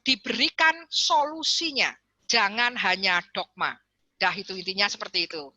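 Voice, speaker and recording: A woman psychologist and counselor giving a parenting talk over a video call, lively and acting out parents and children as she explains. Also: mid-range voice, moderate pace, lo-fi sound, background noise. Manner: animated, acts out parents and children in quotes; addresses listeners repeatedly as parents. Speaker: guest speaker, psychologist and counselor.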